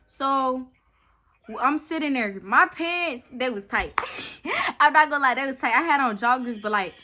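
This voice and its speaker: A young woman with a bright, ringing voice tells a storytime to her viewers. She talks in a loose, chatty way and keeps turning to the audience. Her voice sits a little high. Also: lively intonation, unhurried. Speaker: vlogger telling a story. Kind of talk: casual storytime chat.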